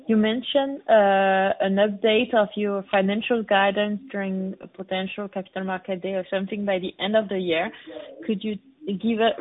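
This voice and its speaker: A woman, a financial analyst, asking probing questions on a conference call, politely and with small stumbles. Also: medium pitch. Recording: tinny phone line.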